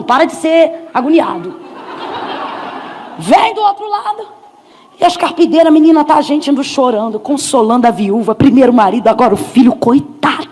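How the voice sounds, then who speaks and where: A woman preacher with a Brazilian Portuguese accent, delivering an animated, storytelling sermon and acting out voices. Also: sits high, slightly rough. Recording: long hall reverb with faint crowd.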